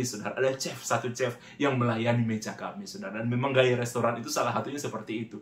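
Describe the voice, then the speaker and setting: Male pastor, middle pitch, lively sermon storyteller who keeps addressing the congregation, roomy echo. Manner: lively storyteller, repeatedly addresses listeners as "brothers". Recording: echoey room.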